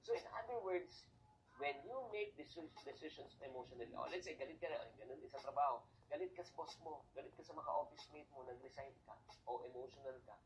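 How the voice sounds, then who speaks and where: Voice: mid-range voice, brisk, slight background noise, rough recording. A motivational speaker with a Filipino accent, switching between Tagalog and English, asking rhetorical questions and then answering them. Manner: checks in with the listener as if chatting. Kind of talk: motivational talk.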